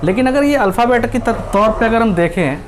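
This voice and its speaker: A man's voice: very high-pitched, expressive, fairly quick, noisy background. A man teaching how to read English, explaining patiently, spelling words out letter by letter and often checking that the listener follows. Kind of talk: spoken English reading lesson.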